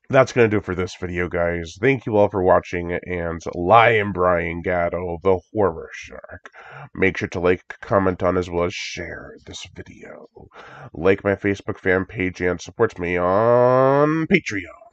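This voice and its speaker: A man speaks slowly in a low pitch, his voice congested from a recent cold, eagerly rambling and chuckling often as he reacts to a horror movie trailer. There's no echo, and the home recording is dry, dull and lo-fi.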